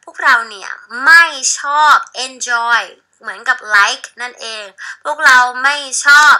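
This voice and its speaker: A woman English teacher reads each model sentence very slowly and clearly. Her voice is bright and sits a little high, and she drops into quick explanations between sentences. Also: poor audio. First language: Thai. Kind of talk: slow model reading with Thai explanations.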